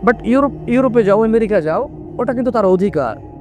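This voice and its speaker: A middle-aged man preaching a sermon in an animated way, mixing in English words and acting out little dialogues. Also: sits high, brisk, over music. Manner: acts out dialogues in different voices. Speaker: Islamic preacher.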